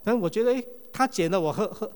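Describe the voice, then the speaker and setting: A male pastor delivers a sermon in a raised voice, pitched a little high for a man. He keeps throwing questions at the congregation, and his voice rings with the long reverb of a church hall. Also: quick pace. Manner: lively, asks the congregation many rhetorical questions.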